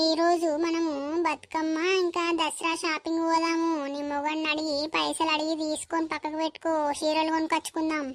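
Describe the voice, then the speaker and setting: A woman's voice: extremely high pitch, dry recording. A woman voicing a bossy old village mother-in-law with a Telangana accent, scolding and nagging. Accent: Telangana Telugu. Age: over 60.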